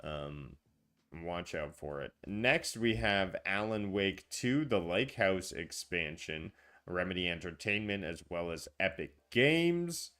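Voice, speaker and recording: Brief: low, resonant male co-host, rambling gaming chat. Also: lively intonation, slow, a bit bright. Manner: chatty, self-deprecating, rambling with fillers. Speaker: podcast co-host. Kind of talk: casual gaming podcast chat.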